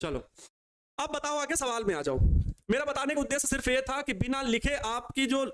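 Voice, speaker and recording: A man's voice: very high voice, lively intonation, moderate pace, fairly bright tone. A young man from North India, a physics teacher chatting and digressing as he talks straight to his students in a live online class. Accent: North Indian Hindi.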